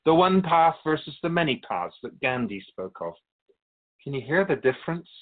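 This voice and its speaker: Voicing the Keeper of Souls, an ancient and wise male spirit who teaches through stories, a man who is an interviewed guest performs scripted radio drama lines. His slightly high voice is very animated as he patiently instructs in measured explanations punctuated by pointed asides. The audio sounds narrow and tinny.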